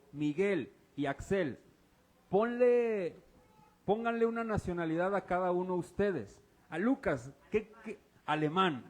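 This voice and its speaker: A pastor leads a lively church sermon, constantly quizzing the congregation and joking with volunteers. His speaking voice sits notably high for a man. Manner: quizzes the congregation, casual and teasing. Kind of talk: interactive sermon. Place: church service before a congregation.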